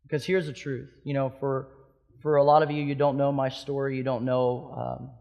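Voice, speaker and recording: A pastor from Hawaii, in his thirties, preaches with passion, shifting from loud emphasis to soft, hushed sections. His mid-range voice is gravelly, level in tone and moderately paced, and the recording has its highs cut off.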